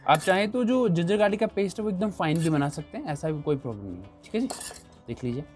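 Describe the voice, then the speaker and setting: A cooking show chef walks through a recipe in a casual demonstration, chatting as he shows each step and repeating himself, often saying "look here." His voice is fairly high, sing-song, fast and a little mellow, with soft music in the background.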